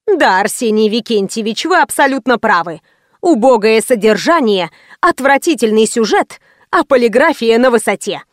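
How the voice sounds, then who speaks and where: A woman's voice: on the high side, animated, normal speed, no echo, clean studio sound, lightly acted. A woman voicing a haughty, stern middle-aged woman writer who speaks in a cold, curt, disdainful way.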